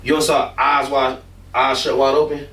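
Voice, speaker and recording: A man's voice: medium pitch, flat delivery, normal speed, pushed and bright, reverberant, distant mic. A man, a rapper, talking casually and bluntly in an interview, rambling and swearing freely.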